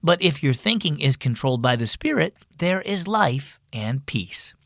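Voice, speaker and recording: Animated male storyteller, gravelly edge. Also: fairly high pitch, moderate pace, no room sound, studio quality. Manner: animated storyteller voicing characters. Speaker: host of a children's devotional program. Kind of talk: scripted storybook narration for kids.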